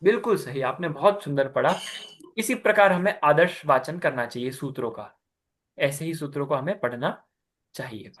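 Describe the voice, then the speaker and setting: A male teacher leads an online class, walking his students through each point patiently and repeating the key terms. His voice sits a little higher than most men's. He stops often to quiz them and praise their replies. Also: moderate pace, fairly bright tone. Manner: patient, asks students questions and praises answers. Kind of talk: online class explaining scripture recitation.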